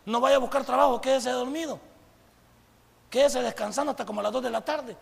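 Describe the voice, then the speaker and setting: Un pastor con acento centroamericano, de voz sorprendentemente aguda para un hombre y muy áspera y granulosa, predica con mucha animación. Lanza preguntas retóricas y representa diálogos. Su voz resuena con una reverberación larga, como en un salón grande. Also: male voice, extremely high pitch, a little fast, creaky. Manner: animated preaching, rhetorical questions, acts out dialogues. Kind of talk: sermon.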